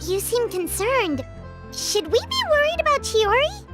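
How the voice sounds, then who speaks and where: Casting: tiny chirpy fairy companion for a game, very high and wildly bouncing pitch, slow and eager, with music behind. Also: female voice, huge pitch swings, exaggerated voice. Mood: chirpy curious. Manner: eager, inquisitive, bouncy delivery. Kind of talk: game voice acting. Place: recording studio.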